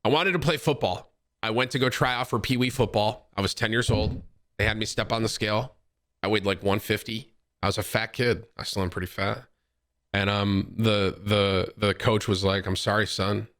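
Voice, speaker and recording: A young man from Syracuse, New York, hosting a stream in casual, animated chat: he reacts to clips and reads donations, says bro and man a lot, and swears. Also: lowish voice, moderate pace. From Syracuse, New York, USA. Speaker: streamer and host.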